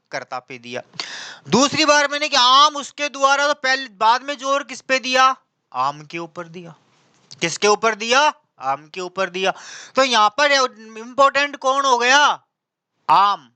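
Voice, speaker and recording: Male tutor, exam-prep grammar lesson, clear and smooth voice, dry close mic, repeats every point. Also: high voice, pushed and bright, no room sound. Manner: asks questions and answers them himself, with repetition. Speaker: teacher.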